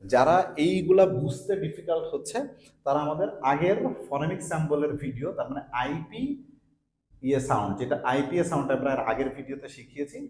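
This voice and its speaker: A man's voice: on the high side, darkish tone. A man teaching English pronunciation, with a Bangladeshi accent, explaining each point and repeating example phrases several times as drills. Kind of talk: classroom lesson explanation with drilled repetitions. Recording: echoey room.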